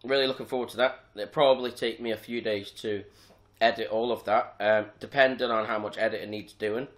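A man's voice: fairly low pitch, brisk. A young man, talking casually and rambling a little as he vlogs from home. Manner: relaxed, rambling, with fillers and restarts. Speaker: vlogger. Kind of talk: casual vlog chat.

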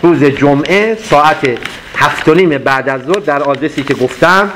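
Man teaching poetry, recites slowly. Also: fairly high pitch, fairly bright tone, a little hiss or hum. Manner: recites verses slowly, then explains them conversationally. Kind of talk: classroom lecture on poetry. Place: lecture class.

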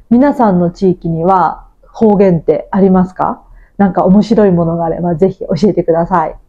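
A woman from Tokunoshima, hosting a Japanese listening-practice lesson, explaining things clearly and often asking her listeners questions. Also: medium pitch, phone-quality sound. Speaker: Japanese teacher and podcast host.

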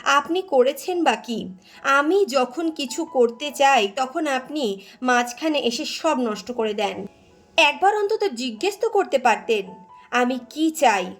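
A woman's voice: fairly high pitch, lively intonation, normal speed, faint music behind, natural voice. A woman voicing an angry, stubborn young village man in a heated, raised voice while reading a story.

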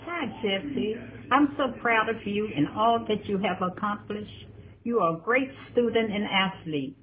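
A woman from the family giving a gentle, somewhat formal message of pride. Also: medium pitch, unhurried. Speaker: family member. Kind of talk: heartfelt recorded video message. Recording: tinny phone-like audio.

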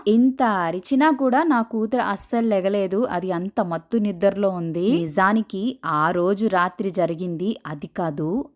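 Woman narrating a ghost story. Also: medium pitch. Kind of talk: scripted first-person horror story narration.

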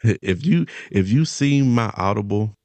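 A man's voice: lowish voice, animated, measured pace, darkish tone, dry recording. A man hosting a podcast in casual chat, joking and laughing as he moves things along.

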